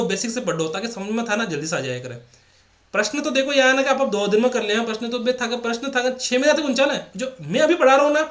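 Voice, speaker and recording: A man with a very high-pitched voice, recorded in an echoey room, gives a casual classroom maths lecture. He's chatty and repetitive and often asks rhetorical questions.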